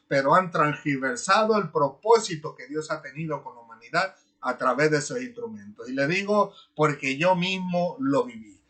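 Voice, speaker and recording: Bright-voiced male preacher. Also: fairly high pitch. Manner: earnest, repetitive, rhetorical "¿no?" tags; builds to emphatic repeated lists. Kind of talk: sermon.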